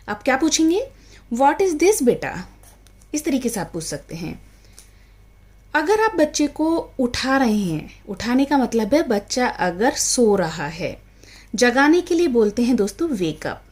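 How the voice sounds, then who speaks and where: High-voiced woman teaching parents. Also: very animated, slow, a little mellow. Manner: mixes Hindi with English phrases, addresses viewers as friends; acts out a mother calling her child. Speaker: parenting tutor teaching English phrases. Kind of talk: casual home lesson to parents.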